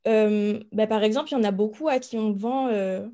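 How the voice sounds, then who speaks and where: A woman's voice: medium pitch, moderate pace, warm tone. A young woman student from French Guiana asking a long, hesitant question in an online panel. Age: young adult. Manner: hesitant, many fillers.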